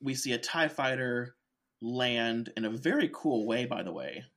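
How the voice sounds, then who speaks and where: A man with a mid-range voice casually recaps for a podcast. He often pauses on fillers and drops in wry asides as he goes. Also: mid-range voice, lively intonation, fairly bright tone. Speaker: podcast co-host. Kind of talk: casual chat.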